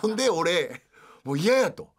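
A man's voice: high-pitched, sing-song, moderate pace, husky. A man in his fifties with a Kansai accent, hosting a casual radio show from a studio, telling stories and often laughing mid-sentence. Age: 50s. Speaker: radio host.

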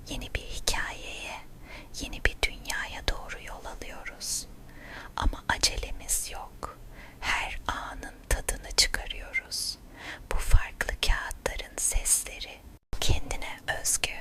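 A woman whispering a soothing ASMR guided relaxation, gentle, breathy and quiet as if at night. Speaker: ASMR host guiding relaxation.

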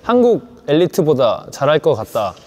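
A man's voice: fairly high pitch, big pitch swings, normal speed, darkish tone. A man talking casually as a basketball coach, weighing up players. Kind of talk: casual evaluative talk. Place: indoor basketball gym.

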